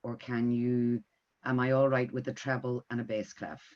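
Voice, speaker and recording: A middle-aged woman, a music tutor talking casually on a video call with lively joking asides. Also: very deep voice, moderate pace. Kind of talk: casual online webinar talk. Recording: dull lo-fi audio.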